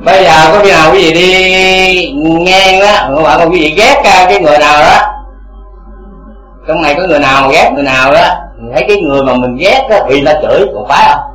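Man, Buddhist dharma teacher, high voice, repeated rhetorical questions, echoey hall, faint music behind. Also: quick pace, a bit bright. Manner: asks the audience rhetorical questions again and again. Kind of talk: dharma talk to a congregation.

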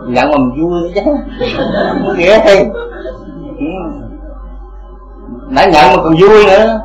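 High-voiced man giving a dharma talk. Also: animated, slow, reverberant, music in the background, low-quality recording. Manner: asks the audience rhetorical questions again and again. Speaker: Buddhist Dharma teacher.

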